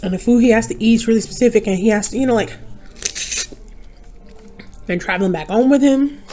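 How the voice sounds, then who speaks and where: A woman's voice: fairly high pitch, brisk, warm tone, faint music behind. A young woman chatting casually to her viewers while she eats, rambling from one thought to the next and calling them y'all. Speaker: mukbang vlogger. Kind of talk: casual chat while eating.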